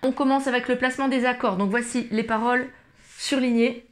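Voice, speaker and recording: A woman's voice: fairly high pitch, steady tone, a little fast. A woman who teaches school explains guitar chords step by step, speaking informally and patiently to the viewer. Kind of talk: guitar tutorial. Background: acoustic guitar playing.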